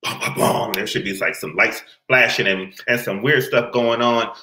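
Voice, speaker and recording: A man's voice: mid-range voice, sharp tone, echoey room, poor audio. A man hosting a casual online chat show, joking and building up his guests. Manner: playful, hyped-up introductions. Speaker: show host.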